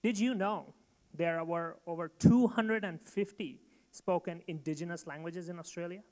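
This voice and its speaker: A man from Bangladesh giving a rehearsed startup pitch to an audience, emphatic and direct. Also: normal speed, a little mellow. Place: event hall. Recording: long hall reverb.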